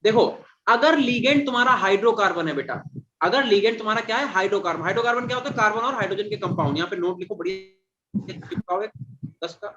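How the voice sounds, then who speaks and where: Man teacher, fairly high voice, dull lo-fi classroom recording, repeats and quizzes students. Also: fast, a bit bright. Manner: repeats and quizzes students, calls them "beta". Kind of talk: classroom chemistry lecture.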